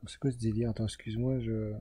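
A man's voice: fairly low pitch, level tone, fast talker, warm tone, husky. A French man explaining casually to the viewer as he draws a chart, rambling and correcting himself along the way. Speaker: self-help video host. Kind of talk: casual explanatory monologue while drawing a chart.

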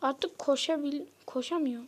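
A woman giving casual let's-play commentary as a gaming YouTuber, chatting straight to her viewers and getting frustrated quickly. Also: sits high.

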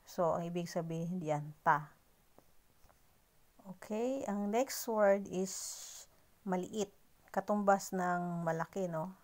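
A woman gives an unhurried lesson, drawing her words out slowly in a lowish voice. She counts strokes one by one and says each word again and again, slipping English phrases into her talk. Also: a little mellow. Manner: repeats each word several times, counts strokes aloud; polite greeting words, mixes English into Tagalog. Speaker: language teacher. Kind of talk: slow lesson on writing Chinese characters.

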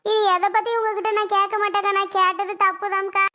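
A woman narrates a comic village skit and plays the elder sister herself. Her voice is very high and bright, and she talks in a coaxing, exasperated way. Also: flat delivery, a little fast.

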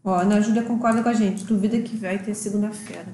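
A woman's voice: mid-range voice, steady tone, fast, warm tone, reverberant, slight background noise, poor audio. A woman co-hosting a game livestream as a mother, reading viewer comments aloud with playful banter. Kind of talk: casual live-stream chat.

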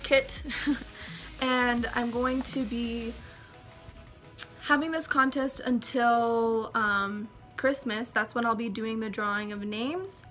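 A woman's voice: a little high, sharp tone. Chatty Valley girl vlogger, young woman. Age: young adult. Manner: chatty, upbeat, lots of likes and ums. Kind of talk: casual vlog chat.

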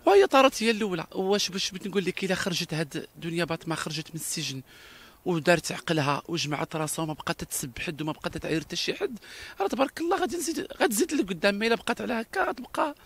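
A man's voice: high voice, expressive, very fast, gravelly, a bit bright, slightly rough. A man with a Moroccan Darija accent, speaking in an interview with emphatic, repetitive talk and frequent restarts.

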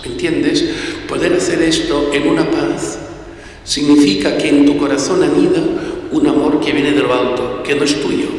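Middle aged priest guy saying mass, solemn, bit high voice, big cathedral echo. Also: far from the mic. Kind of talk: homily and liturgical prayer. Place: inside a stone and wood church. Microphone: gooseneck microphone on lectern and altar. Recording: cathedral echo, long reverb, some noise.

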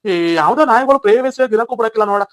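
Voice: medium pitch, rapid-fire, a bit bright, no room sound, close to an everyday voice. A performer with a North Karnataka Kannada accent voicing a smug, swaggering cheating husband in a cartoon comedy. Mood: scornful. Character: smug cheating husband, rich village man.

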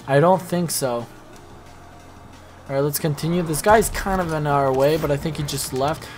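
A young man giving casual, slangy commentary while opening loot in a video game, excitable and rambling. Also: on the high side, moderate pace, faint music behind. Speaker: gaming YouTuber.

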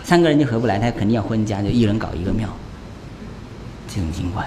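A man's voice: lowish voice, expressive, quick pace, background noise. A man, a Buddhist monk, giving a conversational dharma lecture, talking in a chatty way and often tossing rhetorical questions to his listeners.

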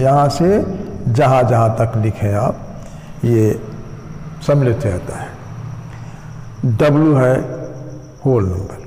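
Slow-talking male teacher in echoey room. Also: a little high, a little mellow. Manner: slow, explains step by step, mixes English terms. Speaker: school maths teacher. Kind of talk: classroom lecture at a board. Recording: echoey room with long reverb.

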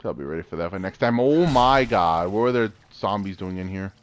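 Low smooth-voiced man gaming casually. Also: animated, a little fast. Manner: exclaiming, laughing often. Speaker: gamer. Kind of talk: casual co-op gameplay chat.

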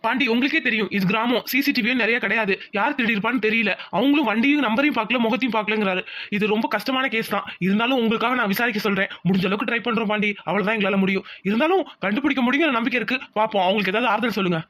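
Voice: medium pitch, racing, few pauses, fairly bright tone, natural voice. A performer voicing a matter-of-fact middle-aged village police inspector in a cartoon. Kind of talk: cartoon voice acting.

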